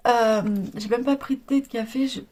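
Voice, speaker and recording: Brief: French woman vlogger, chatty and rambling, laughs a lot, fairly high voice, casual home chat. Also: fairly even intonation, normal speed, darkish tone. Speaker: knitting vlogger.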